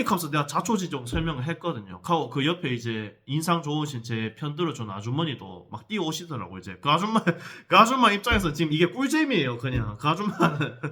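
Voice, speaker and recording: A man telling viewers a heated personal story in an animated vlog, cursing freely and addressing them directly. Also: fairly high pitch.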